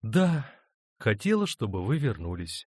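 A man's voice: on the low side, very animated, a little slow, darkish tone, no room sound, studio quality. A man voicing a young married woman torn between two loves, speaking in an emotional, hesitant, pleading way. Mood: torn, tender.

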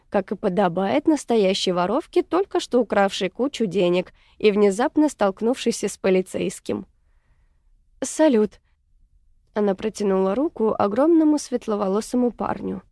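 A woman narrating a story in a measured, even reading voice. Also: mid-range voice, no room sound, clean studio sound. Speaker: audiobook narrator. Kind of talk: scripted narration.

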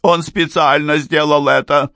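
A bitter, tearful aging woman, as a male narrator puts her on in an audiobook, shrill and sobbing with anger. The voice climbs far above his usual low register and takes on a strained, changed tone. The recording is dry and close. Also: steady tone, unhurried, bright, forceful tone, dry recording. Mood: angry, sobbing. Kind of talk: audiobook character voice.

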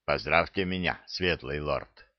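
A weathered old sergeant, as a man acts him out, folksy and plain-spoken, his low voice taking its time. The reading sounds close and dry, with a slightly dull tone. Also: unhurried, dry recording. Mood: hearty.

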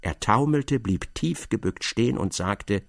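Gravelly, expressive male narrator. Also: on the low side, no echo, clean studio sound. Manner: expressive, measured storytelling. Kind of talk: literary audiobook narration.

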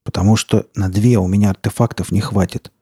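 A grim, gruff forest stalker, as a man reading the book voices him, snapping short orders. Low, gravelly and dark, recorded close and dry. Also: steady tone, a little fast, no echo. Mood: gruff, stern. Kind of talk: audiobook character voice.

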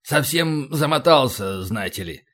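A man's voice: on the high side, expressive, normal speed, a bit bright. A man voicing an evasive, fawning male governor who mumbles apologetically in an audiobook. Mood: placating.

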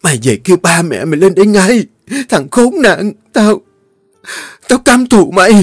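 A man voicing a young mother torn by grief and fury, crying out in a high, strained voice. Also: sing-song, moderate pace, no room sound. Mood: furious. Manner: shrill, sobbing outcries. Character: grief-stricken furious young mother Hiên. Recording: dry close voice, faint music.

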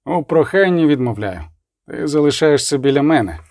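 Expressive man reading a war novel. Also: on the high side, normal speed, dry recording, clean studio sound. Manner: expressive, voices the characters' lines with rising intensity. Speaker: audiobook narrator. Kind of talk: dramatic audiobook reading.

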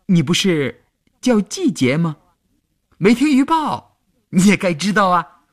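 Storybook voice: man doing a teasing, good-natured teen boy soldier, lively and boyish. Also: mid-range voice, a little slow, pitched above the performer's own voice, exaggerated voice.

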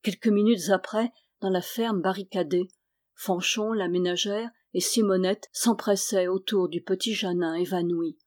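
A woman's voice: medium pitch, steady tone, normal speed, darkish tone. A woman reading a historical novel aloud as an audiobook, raising her voice for the quoted characters. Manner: lifts and raises the voice for quoted characters. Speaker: audiobook reader. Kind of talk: scripted narration of a historical novel.

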